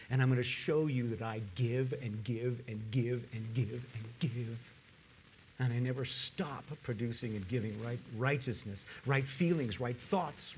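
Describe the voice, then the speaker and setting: A man voicing God as gentle and patient, speaking softly and low to reassure a believer. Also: slight background noise, close to an everyday voice.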